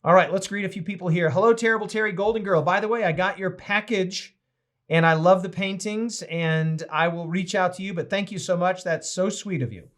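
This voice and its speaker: High-voiced upbeat male pastor. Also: a little fast, a bit bright. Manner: upbeat, greets viewers by name. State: tired. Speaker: host and pastor. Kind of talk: casual livestream chat.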